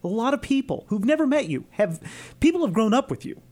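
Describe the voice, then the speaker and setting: A man's voice: very high voice, sing-song, a little fast, a little mellow. A man interviewing a colleague, asking reflective, leading questions. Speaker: radio interviewer.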